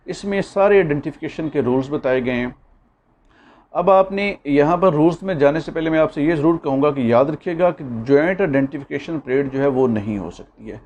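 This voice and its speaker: A man with a Pakistani accent gives an informal law lecture, instructively reminding students of points to remember. His voice is fairly high-pitched with a darkish tone, and the sound quality is lo-fi.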